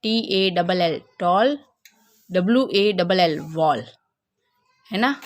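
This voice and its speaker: A woman teaching a phonics lesson, spelling out letters slowly and asking questions back. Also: on the low side, expressive.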